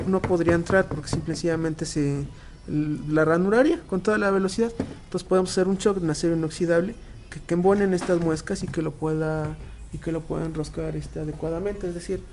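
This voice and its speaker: High-voiced man demonstrating machinery. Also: darkish tone, a little hiss or hum. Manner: explanatory, hesitant, frequent "este" fillers and restarts. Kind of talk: product demonstration to clients.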